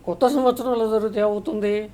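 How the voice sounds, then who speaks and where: Man, political commentator, high pitched, dark mellow tone, emphatic, argumentative, TV debate. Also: steady tone, fast talker. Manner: emphatic, argumentative, tells parables. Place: TV news studio or remote link.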